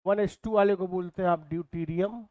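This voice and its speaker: A man's voice: high-pitched, steady tone, a little fast, no room sound, narrow, tinny audio. A man teaching a physics class in speech, repeating key terms and asking his students questions. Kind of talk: classroom lecture.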